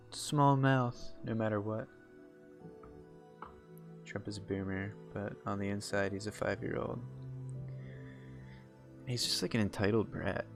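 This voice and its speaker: A man's voice: fairly low pitch, gravelly. A young man streaming a game, chatting casually in a rambling way full of fillers and restarts. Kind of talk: casual chat while gaming.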